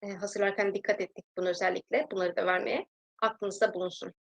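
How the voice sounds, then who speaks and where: A young adult woman giving a recorded language lesson, patiently explaining grammar and repeating example sentences slowly. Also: medium pitch, steady tone, gravelly, rough recording. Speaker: language teacher.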